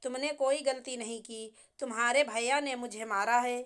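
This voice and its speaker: A woman voicing a young married woman who is hurt and angry, speaking in a sharp, scolding way. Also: fairly high pitch, steady tone, normal speed, clean tone, lightly acted. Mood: stern.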